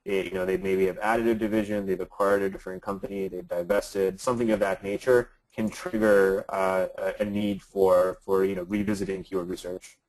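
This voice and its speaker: A man's voice: sits low, steady tone, a little fast, a little mellow, poor audio. A man speaking as a panelist on a video call, explaining with casual fillers. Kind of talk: expert discussion.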